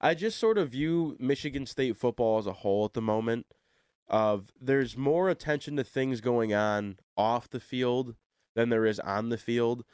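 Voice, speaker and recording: A young American man hosts a casual sports talk radio show, chatty and self-deprecating, his voice congested and stuffy as if his nose were plugged. He speaks at medium pitch and a normal pace, with a slightly mellow, clean tone. The recording comes from a radio studio on a desk studio microphone and is clean studio sound with no echo.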